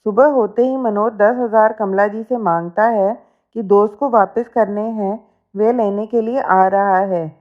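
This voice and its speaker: A woman telling a family story as narrator, in a steady, plain storytelling manner. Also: medium pitch, a little slow. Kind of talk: scripted narration. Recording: dull lo-fi recording.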